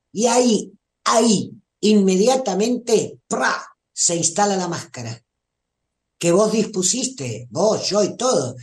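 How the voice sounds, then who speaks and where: Slow, musing Rioplatense woman. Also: on the low side, a little mellow. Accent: Rioplatense Spanish. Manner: musing, often asks the listener questions. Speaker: spiritual self-growth speaker. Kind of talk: casual talk to an audience. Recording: echoey room.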